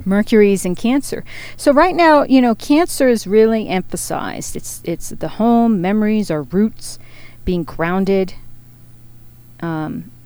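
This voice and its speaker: Woman, casual forecaster, smooth clear voice, rambling and self-mocking. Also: medium pitch, lively intonation, measured pace, dark tone. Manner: chatty, rambling, laughs at herself. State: feeling hot and sweaty. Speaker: astrology forecaster.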